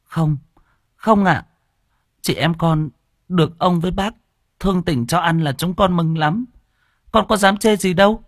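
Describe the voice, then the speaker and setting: A man's voice: sits high, unhurried, pauses often, no room sound, studio quality, pitched above the performer's own voice. Man doing a tearful begging little girl. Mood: timid. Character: frightened starving little peasant girl, pleading.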